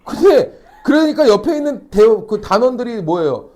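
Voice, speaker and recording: A man's voice: very high-pitched, sing-song, moderate pace, darkish tone. A middle-aged man teaching a class, telling anecdotes, teasing and mocking, and constantly checking whether students follow. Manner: mocking asides. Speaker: academy teacher.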